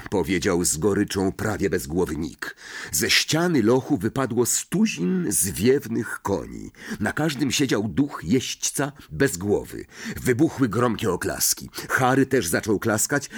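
A man reading an audiobook in a measured, expressive storytelling style, with a husky voice. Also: fairly low pitch. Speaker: audiobook narrator.

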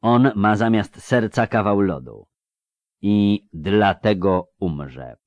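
A man reading aloud voices a solemn nobleman with a bass voice. The voice sits low yet moves freely in pitch. The sound is dry and close. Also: expressive, slow pace, no echo, lo-fi sound. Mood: grave. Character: deep-voiced grave male nobleman.

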